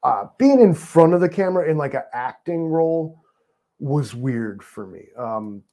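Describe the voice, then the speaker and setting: Rambling New man, mellow voice. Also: a little high, expressive, unhurried. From New York. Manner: rambling, filler-heavy, joking and sarcastic. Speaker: guest. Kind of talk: casual interview chat.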